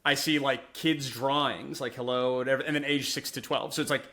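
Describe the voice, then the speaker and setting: A man's voice: medium pitch, fairly even intonation, fairly quick, pushed and bright. A man hosting a podcast in a loose, casual style, hedging his words with lots of fillers. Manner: loose, hedging speech full of "like". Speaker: podcast host.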